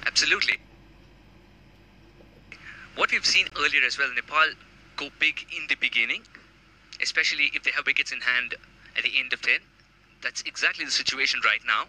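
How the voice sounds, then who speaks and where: Male cricket pundit, bright and crisp, breaks down tactics in live co-commentary. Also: medium pitch, fairly quick, long pauses, low-quality recording. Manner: analytical, explains tactics.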